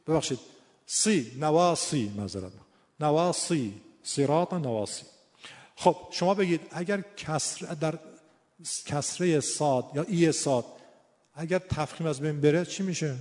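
A fairly high-voiced man teaching recitation, his words trailing off into a long reverb. He explains a point, then sounds out syllables again and again, stretching them slowly to show how they should be said. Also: animated, a little mellow. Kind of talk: tajwid lesson with demonstrated recitation.

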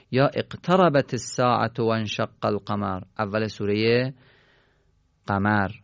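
A man's voice: medium pitch, no echo, dull audio. A man teaching a Quran recitation lesson in a patient way, asking questions and then answering them himself. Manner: patient, asks and answers his own questions. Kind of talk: explanatory lesson.

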